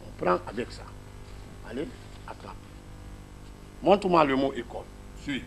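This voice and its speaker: A man's voice: mid-range voice, big pitch swings, normal speed, gravelly, over music. A man with a Guinean French accent teaching a class, explaining a reading method step by step and asking his listeners questions.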